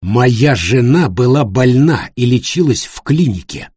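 A man voicing a protective, hot-tempered husband who snaps gruffly. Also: medium pitch, animated, unhurried, a little mellow, no echo, studio quality. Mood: angry. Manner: gruff, snapping, hissing through teeth.

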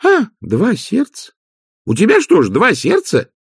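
Man doing a cheeky old village woman, high and squeaky, husky edge, dry booth sound. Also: huge pitch swings, a little slow, no room sound, heavily acted. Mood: sly. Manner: teasing, innocent-sounding questions. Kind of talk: audiobook character voice.

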